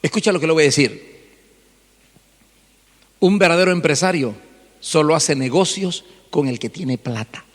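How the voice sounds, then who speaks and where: High-voiced pastor preaching in a reverberant hall. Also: male voice, normal speed, pauses often. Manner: animated preaching, rhetorical questions, acts out congregants' voices. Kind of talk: sermon. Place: church hall. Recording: long church reverb.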